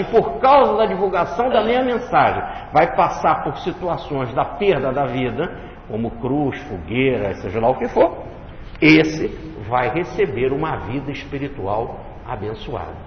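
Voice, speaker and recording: A man giving a religious study lecture, explaining and listing points one by one. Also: fairly high pitch. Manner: explanatory, repeats and enumerates points slowly. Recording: echoey hall, dull lo-fi, faint hiss.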